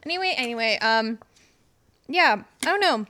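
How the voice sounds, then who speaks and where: A woman's voice: fairly high pitch, lively intonation, moderate pace, bright, forceful tone. A young woman co-hosting a podcast, talking casually, joking and swearing freely. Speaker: podcast co-host. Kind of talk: casual chat.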